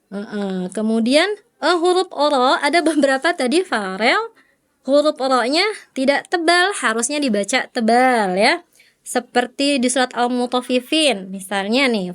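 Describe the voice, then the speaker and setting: A woman's voice: on the high side, fairly bright tone. A woman Quran recitation teacher, patiently correcting a student and modelling letter sounds again and again. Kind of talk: one-on-one recitation feedback.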